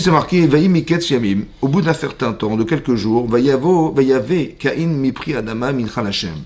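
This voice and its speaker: A man with a French accent, a rabbi giving a lively Torah class in a synagogue. He reads out Hebrew verses, explains them and keeps asking his listeners questions. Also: mid-range voice. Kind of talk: animated Torah lesson to a mixed class. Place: synagogue hall.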